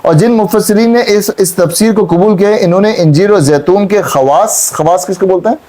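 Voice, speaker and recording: A man's voice: high voice, brisk, a crowd in the background. A man teaching a Quran class, explaining verses and questioning his students, repeating key points. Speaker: Islamic teacher.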